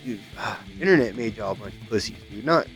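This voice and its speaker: A man's voice: lowish voice, expressive, fairly quick, a bit bright. A man giving a casual, profane, rambling rant as a guitar vlogger, often tagging his sentences with "you know what I mean".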